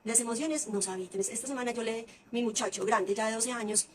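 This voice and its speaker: Brief: middle-aged woman, parenting educator, quick high voice, emphatic chatty lesson. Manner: lively and emphatic, piling up short lists. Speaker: early-childhood parenting educator. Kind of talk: casual teaching talk to parents.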